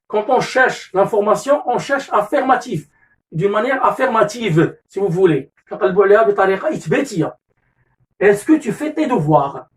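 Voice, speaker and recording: Moroccan-accented male teacher explaining grammar step by step, repeats himself and self-corrects, recorded from a little distance. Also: high-pitched. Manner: repeats key terms, corrects himself with "pardon"; mixes French with Moroccan Arabic asides. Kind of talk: classroom lesson explanation. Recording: voice distant from the mic.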